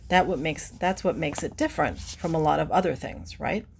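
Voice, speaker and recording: A woman with a low, creaky voice reads a picture book aloud to children at normal speed, over a faint hiss or hum. As a read-aloud presenter, she adds simple teacher-style explanations and asks the listener questions.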